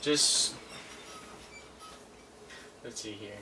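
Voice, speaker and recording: Casual man over very loud background noise. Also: fairly low pitch, very slow, roomy sound. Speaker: co-reviewer. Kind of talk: casual chat. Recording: very noisy, distant mic.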